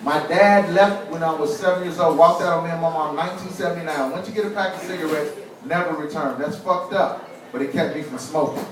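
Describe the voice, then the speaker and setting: A man in his forties from Kentucky doing a stand-up comedy set, with a wry delivery that builds to punchlines and slips into quick acted asides. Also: fairly high pitch, heavy reverb, far from the mic, crowd noise, low-quality recording. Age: 40s. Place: comedy club stage.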